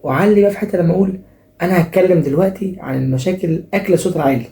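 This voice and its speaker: A high-pitched young adult man with an Egyptian Arabic accent runs a comic advice show, speaking quickly with teasing, playful sarcasm. His tone is mellow and relaxed, and the room gives the recording a noticeable echo.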